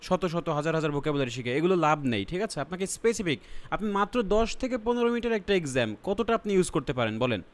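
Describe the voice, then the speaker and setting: A man's voice: on the high side, sing-song, fast talker. A man with a Bangladeshi accent teaching an online exam-prep lesson, explaining step by step, mixing English terms into his talk and often checking that students follow. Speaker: IELTS teacher.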